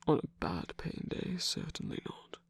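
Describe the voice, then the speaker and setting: A performer of unclear sex voices a seductive villain lover in an intimate ASMR roleplay, playfully teasing yet protective. The natural voice is husky, breathy and often whispered, at a measured pace with no echo.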